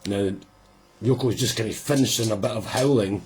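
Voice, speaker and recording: A man hosting a live listening party, chatting casually and rambling with quiet amusement as the record plays. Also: on the low side, normal speed, slight background noise.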